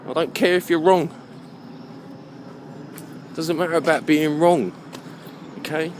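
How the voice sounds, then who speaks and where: In a slightly high voice with fairly even intonation, an unhurried British vlogger delivers a rambling, opinionated monologue. He's emphatic, likes rhetorical questions and checks that the listener understands, with slight background noise present.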